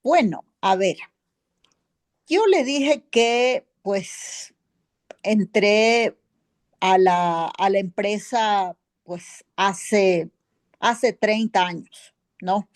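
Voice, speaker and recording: A woman's voice: medium pitch, extremely slow, pauses often. A woman playing a witness in a mock trial, a neighbor and accountant who answers in a rambling way full of fillers and tag questions. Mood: earnest. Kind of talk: courtroom role-play, answering questions.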